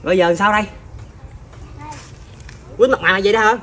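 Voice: medium pitch, normal speed, lightly acted. An actor playing a fuming, scolding older relative. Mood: exasperated. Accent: Southern Vietnamese. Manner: loud exasperated scolding, repeated sighing exclamations. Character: hot-tempered older relative scolding a child.

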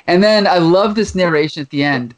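A man's voice: high voice, fairly quick. A man from Canada, co-hosting a casual podcast chat and retelling a comic with playful read-out lines. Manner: animated, reads comic lines in playful voices. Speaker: podcast co-host.

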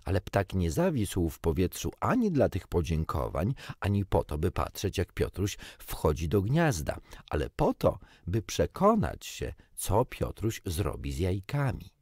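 A man reading a children's storybook aloud with gently wry, expressive storytelling. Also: low voice, unhurried, few pauses, slightly rough, no echo, studio quality. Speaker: audiobook reader. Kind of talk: storybook narration.

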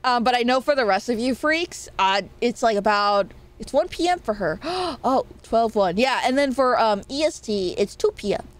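Slightly high and expressive, the nasal voice belongs to a young woman who streams as a VTuber. She casually jokes around with viewers, rambling on with quick bursts of laughter and swearing.

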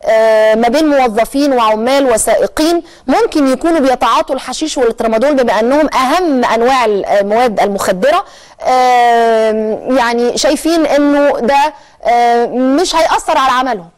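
An Egyptian woman presents a current-affairs programme in a brisk, rapid delivery, her voice sitting a little high. She explains at length, pausing on long drawn-out hesitation sounds before pressing on. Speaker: TV talk show host.

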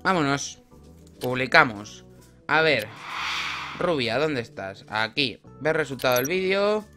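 Lively joking young gamer guy. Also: medium pitch, takes it slowly, faint music behind. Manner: joking, swearing, talks to game characters. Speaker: gaming youtuber. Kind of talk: casual let's play commentary.

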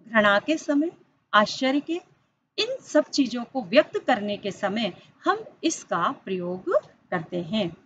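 Female teacher, online school lesson, animated higher voice, dull recording with faint hum. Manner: explains step by step, addresses the children directly; stresses key words with rising pitch on examples. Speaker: Hindi teacher.

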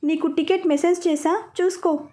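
A woman's voice: extremely high pitch, steady tone, normal speed, dark tone. A woman voicing a flustered, scheming young woman in a storybook reading, full of fretful asides.

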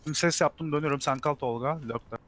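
A man calling tactics to his team in voice chat during an online shooter match, giving brisk, commanding orders. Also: fairly high pitch, fairly bright tone.

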